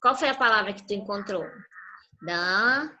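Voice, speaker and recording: Bright-voiced woman teaching children. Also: medium pitch, expressive, a little slow, low-quality recording. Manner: patient, prompting with fill-in questions. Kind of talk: online class review for young children. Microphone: video call.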